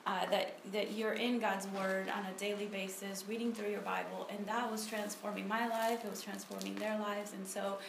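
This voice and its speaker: Her voice is creaky, medium-pitched and level, at a moderate pace with few pauses. This Honduran woman in her thirties is giving a conversational testimony with prayer at a church ministry meeting, full of ums and restarts. It was recorded on a phone lying on a table, in an echoey room with noticeable background noise.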